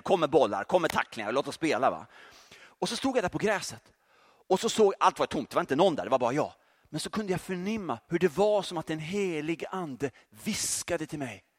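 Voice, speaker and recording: A male preacher giving a lively sermon, joking and speaking directly to the congregation. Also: a little high. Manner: animated, joking, addresses audience directly.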